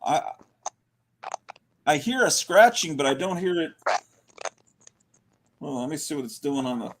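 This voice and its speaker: A man's voice: on the high side, sing-song, unhurried. Man on crackling, distorted call audio. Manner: rambling, hesitant, lots of uh. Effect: crackling, scratchy distorted audio. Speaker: show host. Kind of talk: casual video-call interview. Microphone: video call mic.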